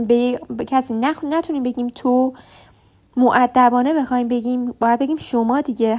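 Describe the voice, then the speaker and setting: A woman teaching a beginner language lesson with a fairly high but soft, mellow voice. She explains patiently, one step at a time, and says each sound slowly more than once so learners can follow.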